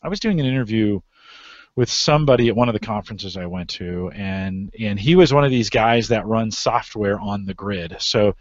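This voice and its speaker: Male show host, casual and rambling, low-pitched, dry muffled recording. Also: normal speed, dry recording. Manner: rambling, many restarts and fillers. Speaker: podcast host. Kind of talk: casual discussion.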